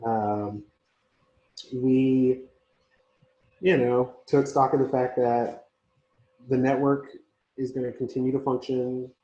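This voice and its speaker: A man speaking as a community organizer on a conference call whose audio keeps breaking up, talking in a slow, halting way with many pauses. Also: mid-range voice, fairly even intonation, warm tone. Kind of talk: speaking as a guest on a panel. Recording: muffled, echoey conference call line.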